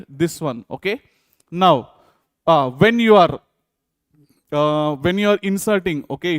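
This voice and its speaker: A man's voice: sits high, clean tone, dry recording, clean studio sound. A man with an Indian accent teaching physics, working through exam problems step by step and often checking in with students. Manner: repetitive check-in questions to students. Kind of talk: exam problem walkthrough, lecturing.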